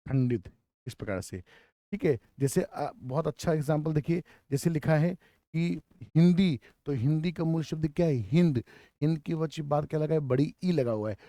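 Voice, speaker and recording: A man teaching a grammar lesson, asking rhetorical questions and answering them himself, slowly spelling out word parts and repeating key terms. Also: a little high, mellow, dry recording, clean studio sound. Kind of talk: classroom lecture.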